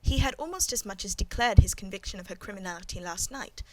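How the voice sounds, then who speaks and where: A woman narrating a classic novel in a measured, even reading voice, in the first person. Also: mid-range voice, rough recording. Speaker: audiobook narrator.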